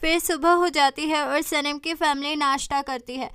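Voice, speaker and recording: Female recap narrator, steady storyteller, high and bright. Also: normal speed, dry recording, studio quality. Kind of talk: scripted drama recap narration.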